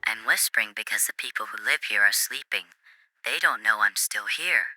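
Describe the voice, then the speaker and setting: Woman doing nervous ASMR role-play, creepy calm lady caller living in walls, super low and crisp bright up close. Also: a little slow, no echo, heavily acted, rough recording. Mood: hushed, eerie calm. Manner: nervous, hushed soft-spoken like a late-night confession. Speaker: caller to a radio show.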